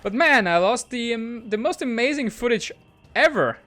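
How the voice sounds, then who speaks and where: A man hosting a gaming channel, giving excitable, quick, self-mocking commentary on a digital card game match. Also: very high voice, soft background music. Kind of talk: gameplay commentary.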